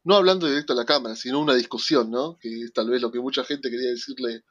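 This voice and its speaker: Brief: animated Rioplatense male co-host, mid-pitched voice, dull lo-fi recording. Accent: Rioplatense Spanish. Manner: animated, excitable, switches fast to slow. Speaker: podcast co-host. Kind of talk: casual chat recapping a TV series.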